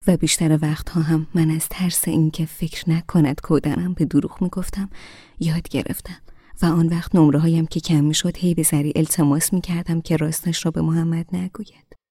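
A woman narrating a novel in the first person, in a soft, half-whispered, wistful voice. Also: sits low, flat delivery, slightly rough, no echo, clean studio sound. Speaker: audiobook narrator.

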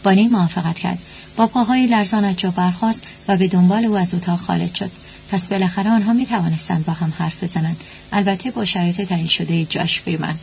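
Gravelly woman narrating a story. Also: fairly low pitch, steady tone, a little mellow. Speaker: audiobook narrator. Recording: dull lo-fi with faint hum.

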